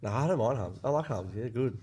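A man's voice: medium pitch, animated, fairly quick, warm tone, husky. A young Australian man in a casual interview, laconic and blokey in the way he talks. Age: young adult. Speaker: footballer, interview guest. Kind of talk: casual chat.

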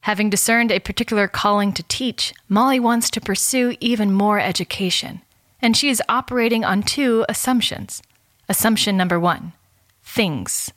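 A woman's voice: medium pitch, fairly bright tone, no echo. A woman reading scripted documentary narration as the host.

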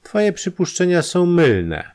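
A man's voice: high-pitched, wildly swooping pitch, slow, darkish tone, voice pushed up, full character voice. A man voicing a cold, evasive young suitor in an audiobook, answering in curt, dry replies. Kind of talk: audiobook character reading.

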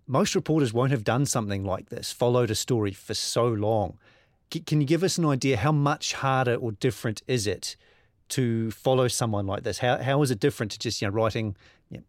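A male host asks interview questions in a halting way, searching for his words. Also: medium pitch, dry recording, clean studio sound. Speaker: podcast host.

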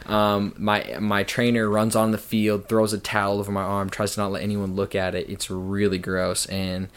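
A young man, a podcast guest, telling a story in a casual, animated way and acting out the people in it. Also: moderate pace, smooth. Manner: animated storyteller, acts out quotes with big jumps in pitch.

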